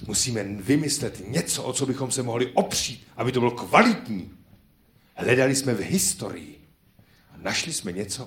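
A man's voice: lowish voice, a bit bright, slight background noise. A man doing stand-up comedy on stage, chatty and teasing the audience. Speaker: stand-up comedian hosting a live show. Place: theatre hall with live audience. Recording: roomy live hall sound.

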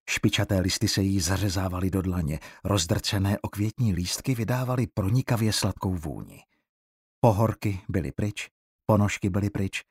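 A man narrating an audiobook in a measured, expressive reading, recorded close to the mic. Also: lowish voice, breathy edge, dry recording. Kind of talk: scripted narration.

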